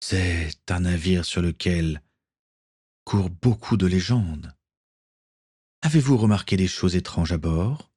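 A man voicing a stern, dutiful naval captain in a read-aloud story, measured and authoritative. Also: sits low, a little mellow, husky, no room sound, clean studio sound, full character voice. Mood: grave.

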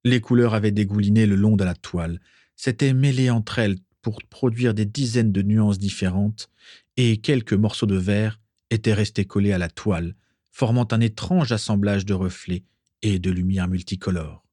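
A man narrating an audiobook with expressive, dramatic storytelling. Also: on the low side, moderate pace, dry recording, clean studio sound. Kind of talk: audiobook reading.

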